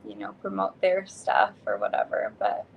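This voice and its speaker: A young woman guest chatting casually on a podcast, giggling often and pausing with hesitant fillers. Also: mid-range voice, sing-song, gravelly, highs cut off, a little hiss or hum. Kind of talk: casual chat.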